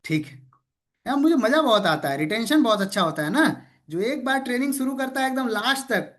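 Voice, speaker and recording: A man's voice: very high-pitched, animated, brisk, fairly bright tone. A man leading an interactive online sales training over a video call. He drills the group in call-and-response, teases participants playfully and keeps checking in that everyone is following.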